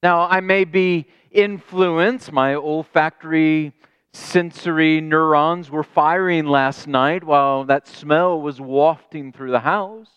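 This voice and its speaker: Deliberate, clear-voiced male preacher. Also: on the high side, steady tone, fairly bright tone, no echo, lo-fi sound. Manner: deliberate, emphatic preaching with long pauses. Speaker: pastor. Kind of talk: sermon.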